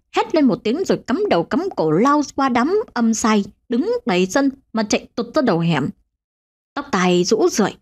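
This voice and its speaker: A woman narrating a ghost story for a channel, with expressive storytelling. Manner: expressive, swinging pitch.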